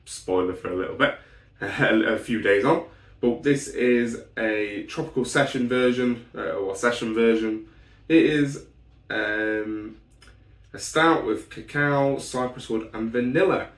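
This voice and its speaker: A man with a medium-pitched voice reviews beers on his own in a loose, rambling style, full of ums and false starts. He speaks unhurriedly, and his voice is still recovering from an illness. The mic sits far off in an echoey room.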